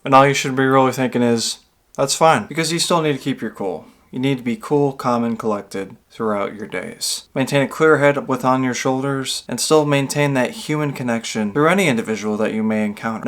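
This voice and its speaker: A man with a small video channel giving an earnest, rambling motivational monologue, drawing out key words for emphasis. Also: medium pitch.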